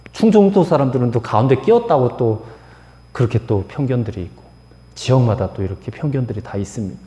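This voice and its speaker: A man's voice: medium pitch, dark tone. A male pastor preaching a sermon to his congregation and asking them rhetorical questions. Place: church sanctuary. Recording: echoey church hall with long reverb.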